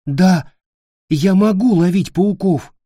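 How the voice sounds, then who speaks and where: A man voicing a terrified little boy who pleads and wails loudly. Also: high voice, slow pace, breathy edge, dry recording, studio quality, pitched above the performer's own voice, exaggerated voice. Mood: eager. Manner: pleading, wailing, loud.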